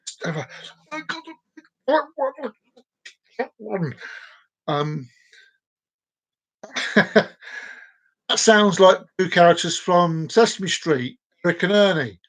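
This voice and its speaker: This live-stream host is a man in his forties whose high-pitched voice is animated, fairly bright, and slow, with frequent pauses. Talking straight to his audience, he wanders playfully through the chat, repeating words and phrases and keeping everything relaxed.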